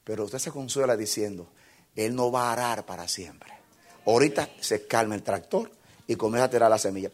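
A man preaching a sermon with passion, swinging between shouts and hushed low passages. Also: brisk.

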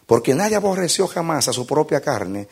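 A man preaching a sermon in an animated, emphatic way, with playful moments where he acts out little scenes. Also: a little high, brisk, creaky, slightly rough.

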